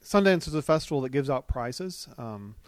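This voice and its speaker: A man's voice: medium pitch, expressive, moderate pace, no echo. A man co-hosting a casual talk show, asking questions in a hesitant way with fillers. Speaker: podcast co-host. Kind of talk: casual conversational interview.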